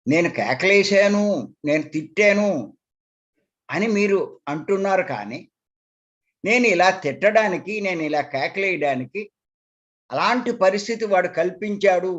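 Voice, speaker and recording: A man's voice: high voice, expressive, a little slow, long pauses, fairly bright tone. A man, a meditation teacher, explaining earnestly and emphatically to his followers in a spiritual talk, repeating points to drive them home. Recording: dull lo-fi recording.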